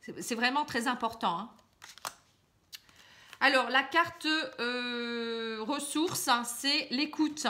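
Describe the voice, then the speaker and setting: Bright high-voiced woman reading cards. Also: slow. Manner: chatty, many filler words and tags; gently advising, addresses viewer directly. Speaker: card reader. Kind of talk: casual tarot reading to camera.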